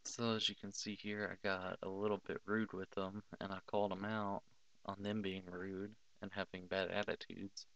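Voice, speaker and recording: A man's voice: low-pitched, level tone, normal speed, gravelly, a bit bright, no room sound, muffled recording. A young man giving casual, blunt advice over a screen recording, swearing freely and filling with "like".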